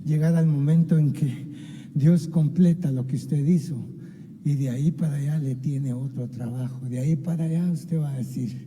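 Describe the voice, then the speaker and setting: A man's voice: on the high side, fairly even intonation, moderate pace, warm tone, big-room sound, poor audio. A man preaching an impassioned sermon as pastor, often calling out to his listeners and acting out biblical dialogue. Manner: impassioned, keeps addressing listeners as "hermano". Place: church sanctuary.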